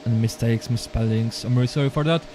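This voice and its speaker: A man with a medium-pitched, dark voice commentates a sim race live, a little hiss or hum audible in the recording. Speaking English as a non-native with Polish as his first language, he sounds halting and apologetic. Repeated words and restarted sentences crop up often.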